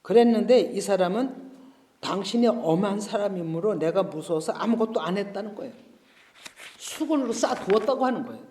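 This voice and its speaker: Male pastor preaching, high voice, big swings up and down, echoey church hall. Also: fairly quick, slight background noise. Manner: expressive preaching that talks to the congregation directly. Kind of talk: Sunday sermon. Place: church sanctuary.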